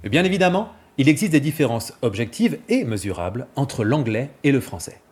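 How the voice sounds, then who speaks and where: Husky-voiced male vocal coach explaining. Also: medium pitch, very animated, a little fast, a little mellow, soft background music. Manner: clear, didactic explaining with sung examples. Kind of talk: scripted educational explainer.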